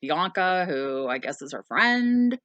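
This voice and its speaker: Woman co-host, lower-pitched, bright tone, rambling plot recap, dry room. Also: big pitch swings, slow pace, no room sound, lo-fi sound. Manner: rambling, with frequent ums and plain swearing. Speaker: movie review co-host. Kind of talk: casual chat summarizing a movie plot.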